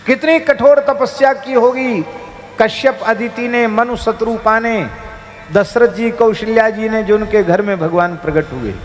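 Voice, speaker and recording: High-pitched guy preaching slow, chants verses now and then, big hall echo, faint music under it. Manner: emphatic, rising and falling delivery. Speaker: spiritual preacher. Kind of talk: devotional discourse. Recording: reverberant hall with soft music.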